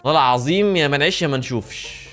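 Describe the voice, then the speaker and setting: A man's voice: fairly high pitch, rapid-fire, a bit bright, faint music behind. A young Egyptian man hosting a reaction video, joking and mocking himself, repeating his phrases. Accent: Egyptian Arabic. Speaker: YouTube host reacting to clips. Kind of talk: casual reaction commentary.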